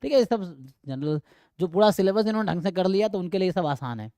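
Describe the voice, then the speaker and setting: A man's voice: high-pitched, animated, fairly quick, warm tone, clear, resonant tone, no echo. A man teaching statistics, walking through exam problems and checking in with his students often. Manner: explanatory, frequent "है ना" check-ins, mixes English terms. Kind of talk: exam problem walkthrough lecture.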